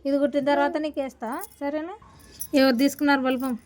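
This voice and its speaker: A woman's voice: high voice, little pitch movement, fast talker, darkish tone. A woman, a mother, talking casually with her young daughter at home, coaxing and scolding. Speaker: mother and vlogger.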